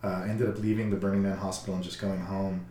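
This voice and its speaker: A man with a fairly low voice tells a personal story calmly and reflectively, often pausing on fillers. He sounds a little set back from the mic in a roomy, echoing space. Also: far from the mic, slight background noise. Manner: calm, reflective, halting with fillers. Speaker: counselor.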